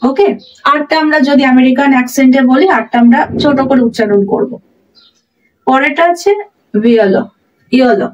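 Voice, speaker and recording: A woman teaching English pronunciation in a lesson, repeating each example word slowly and deliberately. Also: high voice, distant mic, lo-fi sound, slight background noise.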